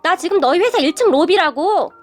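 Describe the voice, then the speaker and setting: Brief: scornful shouting middle-aged mother, cruel and snobbish, high-pitched, put on by a female narrator. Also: lively intonation, fairly quick, faint music behind. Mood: angry.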